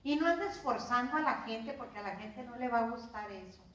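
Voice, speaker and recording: An older Mexican woman leads a workshop class in a high, light voice, talking casually and asking her listeners questions. She sounds set back from the microphone in a roomy lecture space with a noticeable echo. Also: expressive, fairly quick, fairly bright tone, far from the mic. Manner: conversational, asks the audience questions. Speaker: course instructor.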